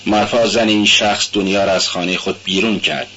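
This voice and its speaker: Anxious and brooding, this young student speaks low and subdued, as a male narrator voices him. The voice is bright in tone, and the storybook recording is dull and lo-fi. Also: fairly even intonation, slight background noise. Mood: uneasy.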